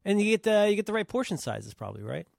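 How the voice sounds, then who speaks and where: Male podcast co-host, lively swearing storyteller, dry close mic. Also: high voice, quick pace, gravelly, no room sound. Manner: animated storyteller, laughs often, swears freely. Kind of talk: casual chat.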